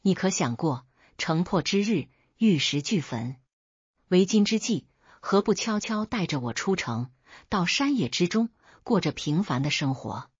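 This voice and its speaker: Sad young princess, read by a woman, pleading and plaintive, lively pitch, slightly husky. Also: a little slow, no room sound, dull audio, exaggerated voice.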